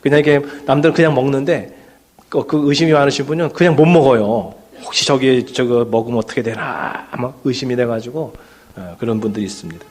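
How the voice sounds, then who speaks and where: A man preaching to his congregation in an easy, conversational way, dropping frequent fillers and little asides as he talks. His voice sits at a middle pitch for a man, and he sounds like a pastor speaking from a church sanctuary. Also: brisk, a little mellow. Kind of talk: sermon.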